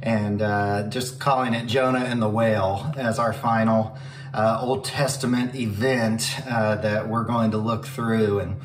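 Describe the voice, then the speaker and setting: A man's voice: on the low side, steady tone, a little slow, slight background noise. A young man, a pastor, giving an earnest sermon preview to camera from a home dining room, gesturing as he talks with frequent fillers. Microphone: camera at a distance. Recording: roomy echo, slightly distant mic.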